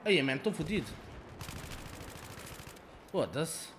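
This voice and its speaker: A young man with a European Portuguese accent giving excitable, profane commentary over his own gameplay, taunting other players. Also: a little high, slow pace, a little hiss or hum. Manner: excitable, swearing, taunting players, swings between shouting and muttering. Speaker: gaming channel host.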